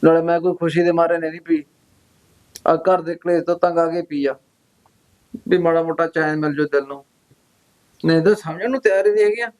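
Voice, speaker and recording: A tipsy younger brother, acted by a man, self-pitying and fed up with the fighting at home. He complains and pleads in a voice pitched a little high for a man. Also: steady tone, brisk, long pauses, a little mellow, natural voice, poor audio. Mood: complaining. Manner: complaining, weepy.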